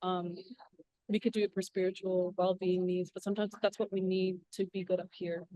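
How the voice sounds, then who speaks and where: On a casual panel, a young engineer from southwest Alaska talks briskly in a warm, low-side voice with flat delivery, sounding earnest and encouraging and using many fillers. The low-quality recording has no room sound.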